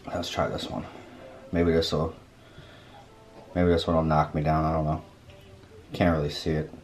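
Low-voiced man reviewing wings at home. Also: level tone, a little slow. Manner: laid-back, rambling, tasting between remarks. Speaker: food vlog host. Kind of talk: casual food review. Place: home kitchen, indoors. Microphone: camera mic, webcam framing.

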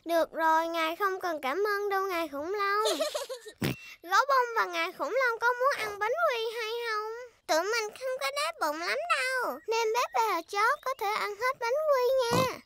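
A woman's voice: very high voice, normal speed, very noisy. Peppa Pig, a bossy piglet girl. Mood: playful. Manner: bright, chirpy and bossy. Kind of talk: Vietnamese cartoon dub. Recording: cartoon soundtrack with music behind.

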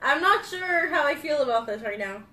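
Young woman host, blunt and swearing, fairly high voice, recorded off-mic in an echoey room. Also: lively intonation, normal speed, bright, forceful tone, recorded from a distance. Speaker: host reviewing candy. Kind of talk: casual live-stream chat. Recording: echoey room, a bit off-mic, faint noise.

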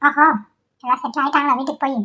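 A woman's voice: high-pitched, little pitch movement, racing, pushed and bright. A woman voicing a nagging, nosy old mother. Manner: nagging, sarcastic. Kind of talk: Tamil cartoon voice acting.

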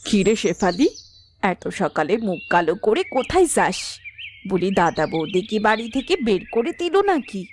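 A woman's voice: medium pitch, sing-song, moderate pace, a little hiss or hum, lightly acted. A woman voicing a chatty gossipy neighbour.

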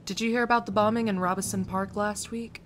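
A woman's voice: mid-range voice, steady tone, a little fast, slight background noise, lightly acted. A woman playing a wry, no-nonsense police lieutenant in an audio drama, sardonic and assertive. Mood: wry, brisk.

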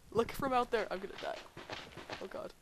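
Excitable high-voiced young man gaming. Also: moderate pace, very noisy. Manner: excitable, giggly and rambling. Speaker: gaming channel co-host. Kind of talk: casual gameplay chat.

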